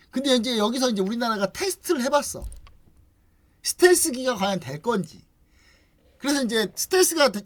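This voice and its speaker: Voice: medium pitch, no room sound. An investment channel host in casual explanatory talk, telling it like a story and acting out what others say. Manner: lively storyteller acting out quoted remarks; chatty, frequent rhetorical questions.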